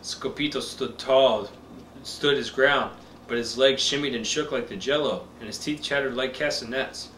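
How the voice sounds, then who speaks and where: A man reading picture books aloud to a toddler as a father, in an expressive, simple storybook delivery. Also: mid-range voice, moderate pace. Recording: echoey room with faint background noise.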